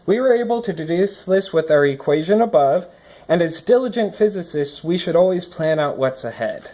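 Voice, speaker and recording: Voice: medium pitch, lively intonation, moderate pace, dark tone. A person reading a scripted lesson aloud, explaining it with think-aloud asides, recorded indoors on a phone at a desk. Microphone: phone recording from above the desk.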